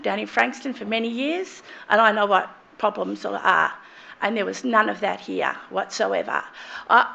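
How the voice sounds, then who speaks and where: Australian woman, fairly high but heavily creaky, stuffed up with a cold, emphatic and exasperated at a public meeting. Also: pushed and bright. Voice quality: stuffy-nosed, croaky voice from a cold. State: has a cold. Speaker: local taxi driver at public meeting. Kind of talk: impassioned public comment.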